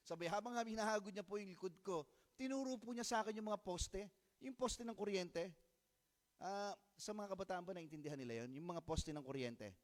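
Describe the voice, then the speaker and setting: A man's voice: high voice, a little fast. A middle-aged man with a Filipino accent preaching a sermon, earnest and emphatic, switching between English and Filipino. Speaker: pastor. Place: church hall. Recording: long church hall reverb.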